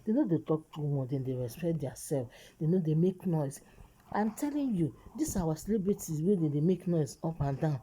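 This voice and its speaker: A woman's voice: deep voice, expressive, normal speed, dark tone, a little hiss or hum, rough recording. A woman with a Nigerian accent giving casual gossip commentary in Nigerian Pidgin as a vlog host, urging listeners and repeating phrases for emphasis.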